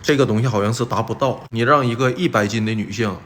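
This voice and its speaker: A man's voice: medium pitch, fast talker, a bit bright. A man giving casual, blunt and slangy news commentary, addressing listeners like buddies and repeating himself for emphasis.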